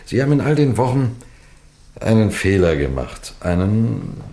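A man with a fairly low, creaky, warm voice speaks at a normal pace, very animated. He narrates and stars as a wily, composed police detective recounting his own case in an old-fashioned radio crime play, courteous and theatrically teasing. His mood is calm and taunting.

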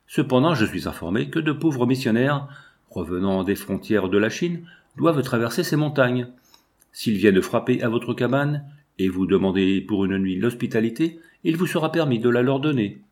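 Guy reading a formal official governor, measured and polite, storybook. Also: mid-range voice, lively intonation, a little mellow, lightly acted.

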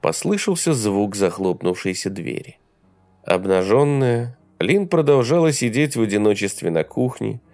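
A man giving a steady, even reading of an audiobook as its narrator. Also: lowish voice, normal speed, no echo, faint music behind.

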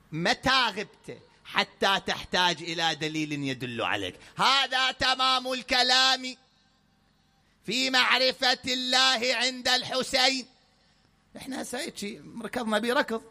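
A man with an Iraqi accent giving a religious lecture, firing rhetorical questions and reciting prayers slowly. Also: high voice, vocal fry, sharp tone. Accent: Iraqi Arabic.

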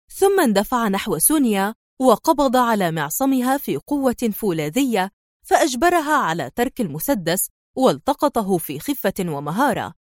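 A woman narrating a thriller audiobook in a vivid, expressive storytelling manner. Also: on the high side, dry recording, clean studio sound.

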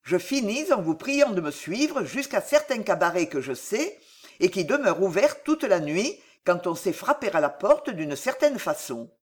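Reader doing gruff old soldier father, blunt, swearing, audiobook figure, mid-pitched. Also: very animated, normal speed. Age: older. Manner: gruff, exclamatory, full of oaths. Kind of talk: audiobook reading.

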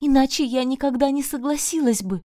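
A woman voicing a gentle, conciliatory noblewoman healer in an audiobook, with a soft manner. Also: high voice, a little fast, no room sound, clean studio sound, pitched above the performer's own voice, lightly acted. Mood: apologetic.

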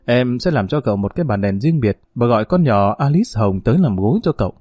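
A man's voice: medium pitch, lively intonation, fast talker, darkish tone, breathy edge, no echo, clean studio sound, soft background music. A man voicing a sly male opium-den attendant who chatters eagerly and servilely. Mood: fawning.

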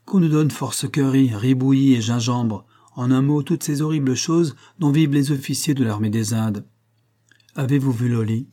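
A man reading an audiobook, voicing a hearty, impulsive young country gentleman devoted to his wife. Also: medium pitch, normal speed, close to an everyday voice.

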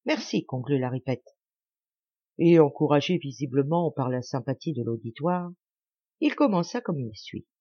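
A woman's voice: rumbling low, normal speed, breathy edge, dry recording, lo-fi sound. A woman narrating a classic tale as an audiobook, reading expressively. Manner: expressive, lively character reading.

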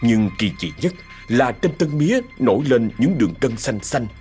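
A man's voice: medium pitch, sing-song, normal speed, a little mellow, soft background music. A man narrating a ghost story vividly and dramatically.

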